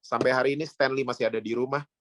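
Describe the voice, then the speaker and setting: A middle-aged male pastor with an Indonesian accent preaches in a storytelling way, slipping English phrases into his talk. His voice sits at an ordinary pitch and leaps up high when he quotes people. The sound is close and dry, with hardly any room on it. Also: fairly even intonation, rapid-fire, a bit bright, dry recording. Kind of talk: sermon. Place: church sanctuary.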